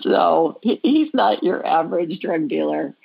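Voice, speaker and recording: A chatty woman hosting a call-in podcast with a lowish voice. She keeps things upbeat with quick asides. The audio is a little dull and lo-fi. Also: expressive, vocal fry, background noise. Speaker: podcast host. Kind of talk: casual chat.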